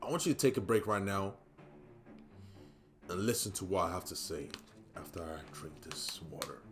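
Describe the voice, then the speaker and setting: A man's voice: low-pitched, animated, moderate pace. A male host delivers solo commentary in an emphatic way and repeats his key points for stress. He drops casual asides to the listener between them. Faint music plays underneath his voice. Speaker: podcast host.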